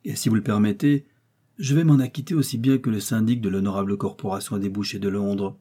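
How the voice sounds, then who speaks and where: A man voicing an excitable, cheerful male servant in an audiobook, speaking eagerly and brightly. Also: fairly low pitch, fairly quick, husky.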